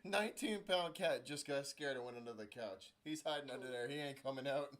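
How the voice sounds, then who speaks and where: Man, mid-pitched voice, laid-back, joking, casual chat. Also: a little fast, fairly bright tone. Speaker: boyfriend on a charity stream.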